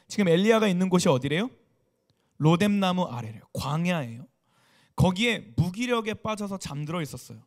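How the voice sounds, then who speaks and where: A young man preaching to a youth congregation, his voice sitting noticeably high for a man. He keeps asking questions and has the listeners repeat lines back to him. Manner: asks the congregation questions and leads call-and-response repetition. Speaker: youth pastor. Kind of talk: sermon. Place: church worship hall.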